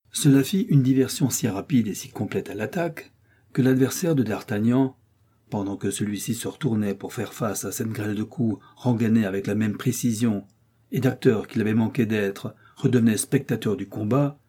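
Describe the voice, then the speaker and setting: A man narrates a classic novel in a steady, measured way. His voice is mellow and dark, with a slightly husky grain. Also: mid-range voice. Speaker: audiobook narrator.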